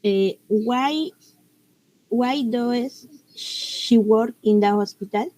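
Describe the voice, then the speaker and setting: A woman's voice: a little high, drawn-out words, warm tone, low-quality recording. A woman student answering in an online class, hesitant and careful.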